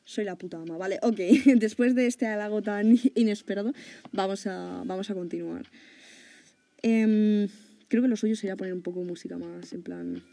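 A young woman hosts a casual podcast, rambling chattily and swearing offhandedly. Her voice sits mid-range and sounds mellow and soft-edged. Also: medium pitch, expressive, normal speed, gravelly, no room sound. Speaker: podcast host.

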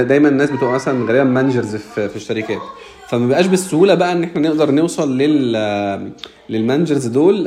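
A man's voice: medium pitch, darkish tone. A man with an Egyptian Arabic accent, hosting a casual discussion and mixing English business terms into his speech. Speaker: host of a live audio discussion.

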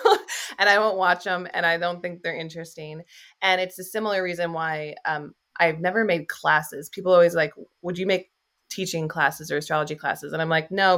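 A woman's voice: on the low side, fairly bright tone. A woman astrologer talking candidly in a casual podcast conversation, rambling with many fillers and restarts. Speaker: astrologer and YouTuber.

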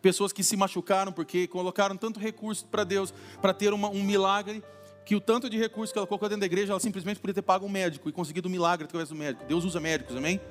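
A man's voice: high-pitched, fairly even intonation, very fast. A male Brazilian pastor giving a sermon in a church, chatty and humorous, acting out everyday quotes. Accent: Brazilian Portuguese. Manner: conversational preaching with acted-out everyday quotes. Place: church hall. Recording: reverberant church hall with faint music.

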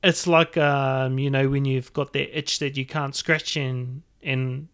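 A man's voice: medium pitch, flat delivery, measured pace, fairly bright tone, clean tone. A man from New Zealand with a Māori English accent hosts a casual podcast, speaking in loose, hesitant phrases. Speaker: podcast host.

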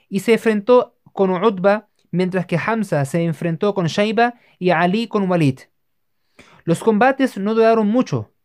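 A narrator giving a steady, measured scripted reading of religious history. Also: mid-range voice.

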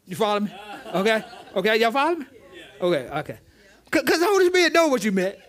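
A man's voice: sits high, big pitch swings, fast, a bit bright. A man, a pastor, teaching interactively in a church, stammering and repeating "okay" as he draws answers from the congregation. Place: church sanctuary.

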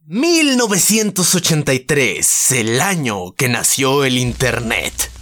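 A man's voice: mid-range voice, big pitch swings, slow pace, background noise. A man delivering a scripted introduction for a radio show. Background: music.

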